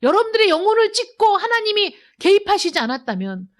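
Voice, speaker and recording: A woman pastor preaching a sermon in a church, emphatic and full of rhetorical questions, moving between loud urging and quiet asides. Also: very high-pitched, big pitch swings, quick pace. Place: church sanctuary.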